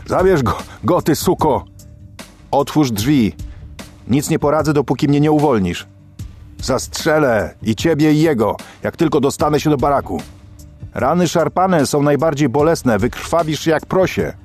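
A man voicing a hoarse, violent German captor who yells threats in an audiobook. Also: mid-range voice, lively intonation, fairly quick, few pauses, soft background music, pitched above the performer's own voice, natural voice. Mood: furious threats. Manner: yelling threats.

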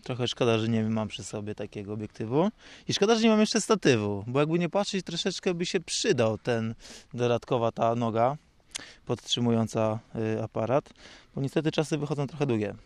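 Male amateur photographer outdoors, average pitch, dry sound. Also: lively intonation, a little fast, no echo. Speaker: hobby photographer. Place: outdoors in rain.

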